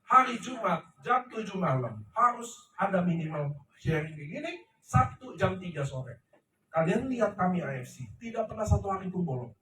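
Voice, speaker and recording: A middle-aged man leading a company gives his team an emphatic, preachy pep talk, regularly asking the seated audience "ngerti ya?" His high voice is sing-song, pushed and bright at a moderate pace. He's far from the mic in an echoey large room, with slight background noise.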